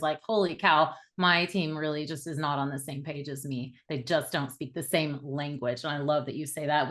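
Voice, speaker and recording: A woman's voice: low voice, a bit bright. A woman in her early forties from Oklahoma, hosting a podcast interview in an enthusiastic, chatty way. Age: 40s. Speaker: podcast host.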